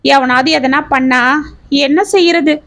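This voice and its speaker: Fretful gossiping neighbors, read by a woman storyteller; high-pitched storybook chatter. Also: fairly even intonation, takes it slowly, fairly bright tone, exaggerated voice. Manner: gossipy, fretting. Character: gossiping village neighbors, worried and prying.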